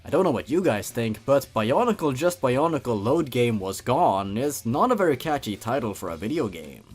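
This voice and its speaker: Faint music plays behind a man whose mid-range, slightly rough voice is very animated at a normal speed. Hosting a comedic reading of horror fan fiction, he moves from dramatic narration to sarcastic, wry asides with theatrical emphasis.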